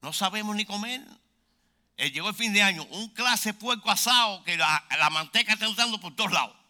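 A man of about sixty preaching a humorous sermon, joking with the crowd and swinging between loud outbursts and low asides. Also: expressive, a little fast.

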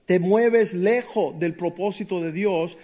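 A middle-aged man preaches in a high-pitched voice, mixing firm emphasis with jokes. He tells his stories warmly and acts out the people in them. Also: slow pace. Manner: emphatic, jokey storyteller who acts out quotes. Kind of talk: sermon with personal stories.

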